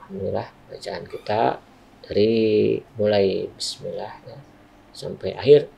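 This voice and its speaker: A man's voice: lowish voice, unhurried, gravelly, dark tone, breathy edge, dull audio. A man teaching a recitation lesson to students in a school studio, explaining patiently with frequent "ya" tags.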